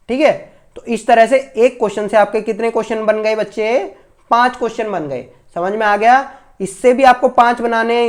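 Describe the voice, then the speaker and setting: A male school teacher giving an online maths lesson to children, patient and repetitive, often checking that his pupils have understood. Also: high-pitched. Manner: addresses pupils fondly as children. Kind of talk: online class lecture for children.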